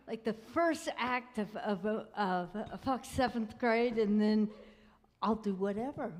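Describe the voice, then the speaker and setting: A woman singer-songwriter telling wry, self-deprecating autobiographical stories with hushed asides in a live musical revue on a small club stage. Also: mid-range voice, in a large hall.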